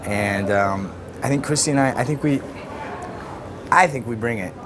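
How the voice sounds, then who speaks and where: A man talking as a lead actor in a behind-the-scenes interview, relaxed and halting with many fillers. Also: mid-range voice, background noise.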